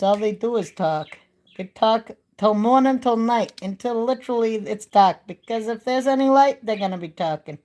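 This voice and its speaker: A woman streaming live from her phone, talking in a chatty, folksy way while she keeps her viewers company. Her voice sits at an ordinary middle pitch, relaxed and unhurried. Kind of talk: casual live-stream chat.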